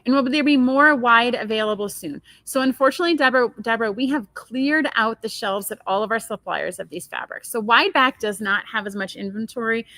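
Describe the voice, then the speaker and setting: Woman, chatty live-show host, slightly high voice, dry close sound. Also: fairly quick, hardly any pauses, pushed and bright, dry recording. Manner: chatty, answers viewer questions. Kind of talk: casual live-stream chat.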